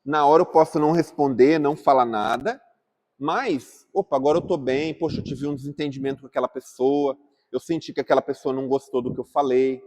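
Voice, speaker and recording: In a relaxed, interactive church class, a man asks the group questions and calls on people by name. His mid-range voice is a little mellow, and he speaks briskly.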